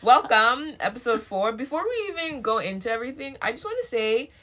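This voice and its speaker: A woman's voice: on the high side, big pitch swings, brisk, fairly bright tone. A woman co-hosting a podcast in casual chat, chatty and joking, laughing often as she talks. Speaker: podcast co-host.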